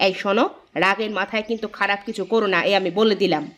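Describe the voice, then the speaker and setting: A woman's voice: medium pitch, fairly even intonation, fast, a bit bright, close to an everyday voice. A woman voicing a practical village wife in a cartoon, speaking in a chiding way. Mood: warning.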